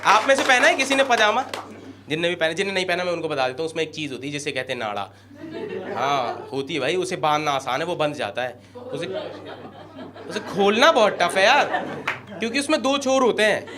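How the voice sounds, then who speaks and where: A young man performing stand-up comedy on stage, telling a story in an animated way and acting out characters in quick asides. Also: on the high side, crowd noise. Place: comedy stage before a live audience. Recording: live stage mic with loud audience laughter.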